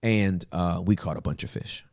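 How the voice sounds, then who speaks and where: A male pastor tells stories in a casual podcast conversation, speaking emphatically and laughing often. His low-pitched voice has a darkish tone and a moderate pace, captured with studio quality and no room sound.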